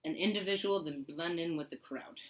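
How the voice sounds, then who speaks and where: A young man with a slightly high, a bit bright voice plays a proud nonconformist writer being interviewed in an amateur school skit. He recites prepared lines plainly, briskly and with light acting, in a steady mood, on a rough recording.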